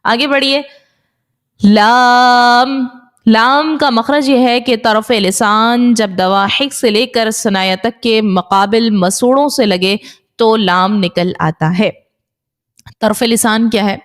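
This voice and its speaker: Patient woman teaching recitation. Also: on the high side. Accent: Pakistani Urdu. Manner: patient, explanatory, repeats sounds slowly for practice. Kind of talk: online tajweed lesson.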